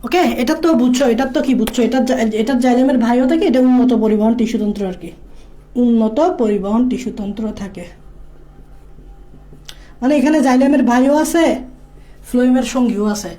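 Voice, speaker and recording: A woman's voice: on the high side, a little fast, long pauses, mellow. A woman tutoring biology for exams in a casual lecture, repeating key points and checking that students follow. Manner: repetitive, drilling key points. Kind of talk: exam-prep lecture.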